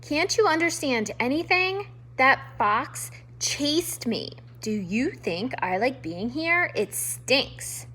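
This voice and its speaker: A woman's voice: high-pitched, big pitch swings, slow, husky, full character voice. Woman voicing a timid, frightened little mouse. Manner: timid, soft, pleading. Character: small frightened female deer mouse. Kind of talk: storybook read-aloud.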